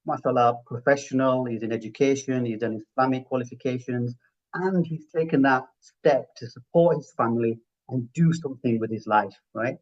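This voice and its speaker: On dull audio, a middle-aged man with a medium-pitched voice talks at a moderate pace. He comes from Yorkshire, England, has a broad Yorkshire accent, and works in healthcare finance. Appearing as an interview guest, he answers in a reflective, conversational style and often seeks agreement.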